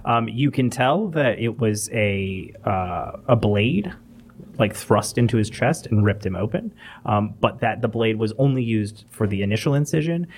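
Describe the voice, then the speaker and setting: A man narrating a tabletop horror game as game master, describing scenes with measured pauses and fillers. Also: fairly low pitch, animated.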